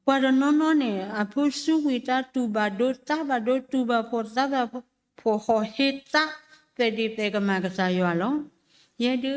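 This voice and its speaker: A woman giving a spoken testimony at church, halting and full of fillers and repeated syllables. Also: medium pitch. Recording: long reverb of a church hall.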